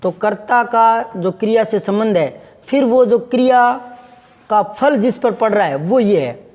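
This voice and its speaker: A man's voice: high voice, expressive, measured pace, darkish tone, in a large hall. A man teaching Hindi grammar, patiently repeating examples and asking his students questions. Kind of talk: classroom lesson.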